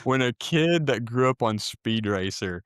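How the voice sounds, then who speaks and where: A man's voice: medium pitch, lively intonation, measured pace, fairly bright tone, clean tone, no echo, studio quality. A man in his thirties co-hosting a podcast, easygoing and laughing often as he tells stories. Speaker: podcast co-host. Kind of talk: casual chat.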